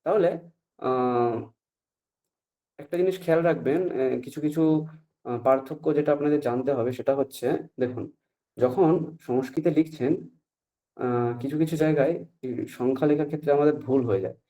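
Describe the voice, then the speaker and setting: A man's voice: mid-range voice, moderate pace, long pauses, warm tone. A male teacher giving an online Sanskrit class, explaining patiently step by step and often checking that students follow. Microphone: video call.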